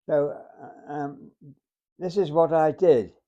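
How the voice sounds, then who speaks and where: Very old Englishman, halting and mellow. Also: fairly high pitch, dull audio. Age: 100. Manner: halting, deliberate, acts out remembered dialogue. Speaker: war veteran. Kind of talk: unscripted reminiscence, storytelling.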